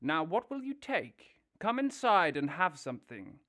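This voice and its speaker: A man voicing a boastful, excitable, wealthy male toad who exclaims grandly. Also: fairly high pitch, unhurried, exaggerated voice. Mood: excited. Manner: bombastic, exclaiming.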